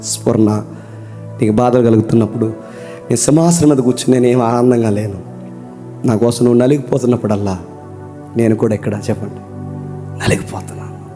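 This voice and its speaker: Warm-voiced pastor. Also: male voice. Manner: rhetorical questions, calls on listeners to answer; swings between loud emphatic and quiet low lines. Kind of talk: sermon.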